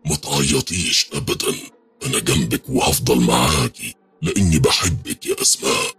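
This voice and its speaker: A man voicing a possessive, lovesick male jinn in a horror story, speaking slowly and low with an Egyptian accent. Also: a bit bright, faint music behind. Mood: tender. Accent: Egyptian Arabic.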